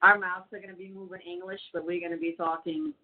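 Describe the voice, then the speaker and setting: A woman's voice: mid-range voice, expressive, quick pace. A woman talking on a prison payphone call, rambling casually with many fillers. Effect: heard over a prison payphone call. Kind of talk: casual phone chat. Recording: tinny phone line.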